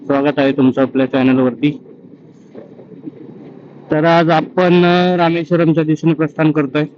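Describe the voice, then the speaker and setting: Man, solo rider vlog, fairly high voice, muffled audio over faint road noise. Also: steady tone, normal speed. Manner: reflective, gives life advice between road updates. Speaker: solo motorbike travel vlogger. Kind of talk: casual travel vlog talk. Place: outdoors on a road trip.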